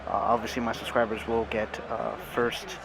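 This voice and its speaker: A young man talks through a football video game in a loose, chatty way, pausing often to restart his sentences. His voice sits in the middle range. A clear layer of steady noise runs under the recording. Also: medium pitch. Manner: chatty, many filler ums and restarts. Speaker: gaming YouTuber. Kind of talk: casual game commentary.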